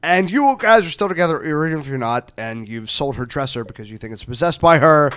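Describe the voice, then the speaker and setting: A man's voice: a little high, fairly quick, smooth. A man hosting a comedy podcast, chatting casually and laughing a lot. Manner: laughing, animated, jokey. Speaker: podcast host.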